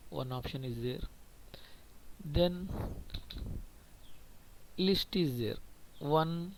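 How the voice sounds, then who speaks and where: Slow, patient male teacher. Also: a little high, rough recording. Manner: patient, repetitive explaining with frequent "okay". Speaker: computer teacher. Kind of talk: screen-recorded programming lesson.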